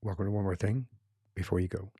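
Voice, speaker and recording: A man hosting a podcast, reading a measured, promotional intro before interviewing his guest. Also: deep voice, steady tone. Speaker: podcast host. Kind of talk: scripted intro then interview.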